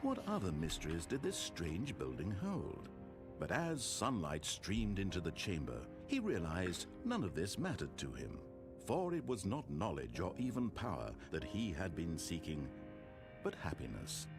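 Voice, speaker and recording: An actor playing a grandiose video game narrator, delivering scripted drama and rhetorical questions like a hammy stage performer. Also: male voice, sits low, wildly swooping pitch, unhurried, music in the background, full character voice. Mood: solemn, uplifted.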